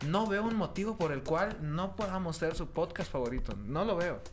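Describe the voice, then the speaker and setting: A man's voice: high-pitched, normal speed, a little hiss or hum. A man with a Durango Mexican accent, a podcast co-host who rambles and laughs through his stories. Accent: northern Mexican, Durango. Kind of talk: casual chat.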